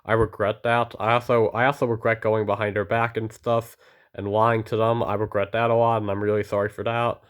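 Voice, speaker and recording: A man's voice: lowish voice, level tone, fairly quick. A teenage boy vlogging alone in a casual monologue, earnest and rambling as he thanks people and apologizes. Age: teens. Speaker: student vlogger.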